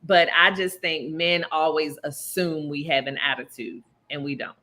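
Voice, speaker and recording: Podcast host, woman, low-ish bright forceful voice, emphatic. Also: normal speed. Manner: animated, emphatic, laughs often. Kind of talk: casual panel chat.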